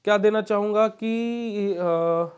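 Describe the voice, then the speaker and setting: Young male lecturer, high voice, coaxing question-and-answer teaching style. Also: slow pace, clear, resonant tone. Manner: asks questions and answers them himself, calls students "beta ji". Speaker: pharmacy lecturer. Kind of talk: classroom lecture.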